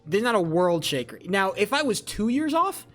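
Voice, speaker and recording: A man's voice: high voice, very animated, normal speed, fairly bright tone, faint music behind. A man in his twenties chatting casually on a live stream, swearing freely and rambling back at his chat. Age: 20s.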